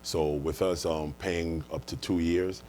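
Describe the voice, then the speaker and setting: A man's low-pitched, darkish voice holds a steady tone and moves a little slowly. Born and raised in the US, he's a life insurance manager being interviewed, explaining earnestly and restating his points conversationally, with a bit of hiss or hum behind him.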